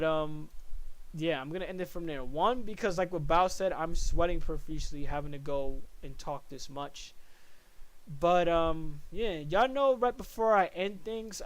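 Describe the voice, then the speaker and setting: A young man hosting a casual solo podcast, rambling and correcting himself as he thinks aloud through sports predictions. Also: on the high side. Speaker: podcast host.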